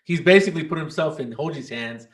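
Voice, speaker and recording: A man narrating and refereeing a tabletop role-playing game, pausing often with fillers and restarts. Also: fairly high pitch, expressive. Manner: halting, many fillers and restarts. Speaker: game master.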